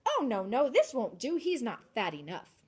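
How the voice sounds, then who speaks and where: A woman voicing a wicked, cunning old witch in a read-aloud fairy tale, with a slow, drawn-out old-lady voice. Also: fairly high pitch, huge pitch swings, a little mellow, husky, pitched below the performer's own voice, heavily acted. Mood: gloating.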